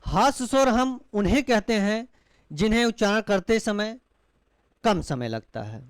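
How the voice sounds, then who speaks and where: Slow, lively-voiced male teacher. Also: high-pitched, clear, resonant tone, no echo. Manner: slow, drawn-out vowel demonstrations with repeated questions. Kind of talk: classroom lecture.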